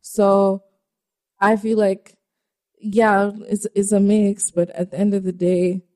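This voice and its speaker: A woman's voice: medium pitch, level tone, slow pace, dark tone. A woman from South Africa, a podcast guest, talking casually and candidly, thinking aloud. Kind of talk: casual discussion.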